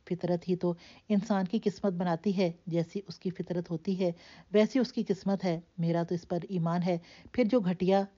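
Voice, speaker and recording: A woman voicing an earnest, grateful middle-aged man who speaks in a heartfelt, measured way in a storybook reading. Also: on the low side, steady tone, dark tone, close to an everyday voice. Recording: dull lo-fi recording.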